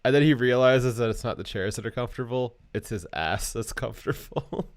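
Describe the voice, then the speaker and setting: A man co-hosting a casual livestream show, relaxed and chatty, cooing over animal pictures. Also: mid-range voice, a little fast, dry recording, studio quality. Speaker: podcast co-host.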